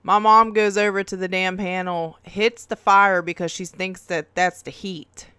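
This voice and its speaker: Woman rambling a story on her reaction channel, bright crisp voice, dry close mic, cusses a lot. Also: a little slow, dry recording. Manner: animated, swearing, acts out quotes with big pitch jumps. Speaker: reaction video host. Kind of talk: casual storytelling chat.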